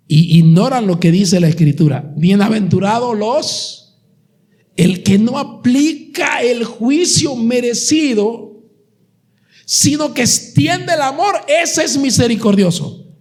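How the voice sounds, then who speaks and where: A Colombian man preaches in a high, gravelly voice. He moves between fervent, raised passages and quick, conversational asides to his congregation. His delivery is dramatic, and he acts out the parables as he tells them. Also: darkish tone. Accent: Colombian Spanish. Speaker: pastor. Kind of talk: sermon.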